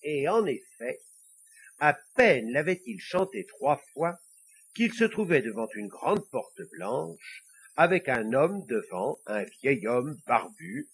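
A man narrating a children's storybook, expressive and confiding asides to the listener. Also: medium pitch, breathy edge.

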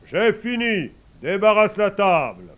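A man voicing a majestic old lord in a storybook, giving loud, slow orders. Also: high voice, big pitch swings, dull audio, voice pushed up, exaggerated voice. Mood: commanding.

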